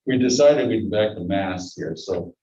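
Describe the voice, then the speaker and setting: Man speaking through a face mask, muffled, low-pitched, board chairman, distant mic, roomy echo. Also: animated, a little slow, mellow. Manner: procedural with dry asides. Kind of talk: chairing a public meeting. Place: meeting room. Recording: dull echoey room recording from a distance.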